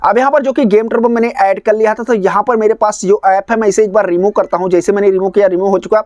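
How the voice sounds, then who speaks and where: Fast-talking and steady in tone, the man presenting this phone tutorial has a high, slightly mellow voice. He takes things one step at a time in repetitive, instructional language, going over instructions again and again. No room sound comes through in the dry recording.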